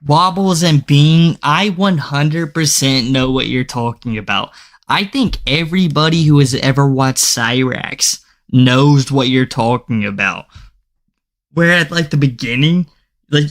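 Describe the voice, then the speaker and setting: A young man giving casual reaction commentary to his viewers, talking loosely with frequent stammered restarts. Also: medium pitch. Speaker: commentary YouTuber.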